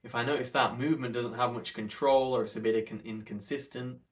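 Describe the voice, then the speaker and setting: A man coaching an articulation warm-up in an instructional, demonstrative way, with careful enunciation. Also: medium pitch, steady tone, a little fast. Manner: demonstrative, over-enunciates counts and sounds.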